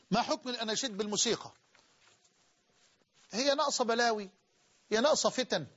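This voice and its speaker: High-pitched impassioned Egyptian preacher. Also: male voice, a bit bright. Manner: impassioned, emphatic. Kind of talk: sermon. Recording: dull lo-fi recording.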